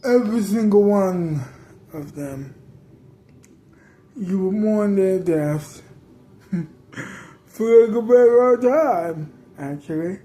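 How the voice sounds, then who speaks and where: A woman voicing a scheming, cruel female crime boss who makes calm, taunting threats in an improvised spoken story. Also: medium pitch, slow pace, pauses often, close to an everyday voice. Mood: menacing.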